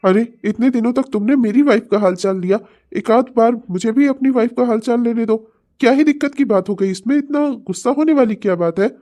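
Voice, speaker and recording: A woman's voice: fairly high pitch, brisk, mellow, natural voice. A woman voicing a smug, mocking man in a cartoon comedy who taunts his rival and later rages at his wife. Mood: taunting. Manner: mocking and sly, sneering. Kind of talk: Hindi cartoon comedy voice acting.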